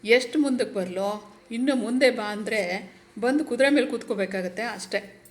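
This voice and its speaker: A woman's voice: a little high, moderate pace, close to an everyday voice. A woman voicing a curt, impatient, well-off man in his forties as she reads a story aloud. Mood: irritated. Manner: curt, scolding.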